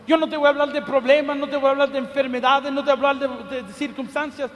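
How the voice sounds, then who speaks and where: Fervent high-voiced male preacher. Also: fairly even intonation, fast, fairly bright tone, highs cut off, slight background noise. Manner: fervent, repeats a fond address to the listener. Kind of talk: sermon. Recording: long hall reverb.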